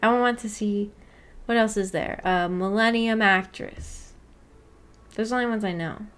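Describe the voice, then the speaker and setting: With a medium-pitched, fairly bright, and clean voice at normal speed, a woman streamer banters with her audience. During this casual livestream she reads and answers chat messages, giggling, teasing playfully, and using slang.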